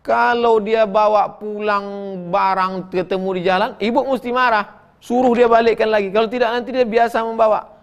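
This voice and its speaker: Middle-aged preacher guy, fairly high voice, folksy and jokey, pitch jumps all over. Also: normal speed, clean tone, lo-fi sound. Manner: lively, pitch swinging high and low, acts out quotes; folksy and joking. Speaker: Islamic preacher. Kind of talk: sermon answering read-out questions.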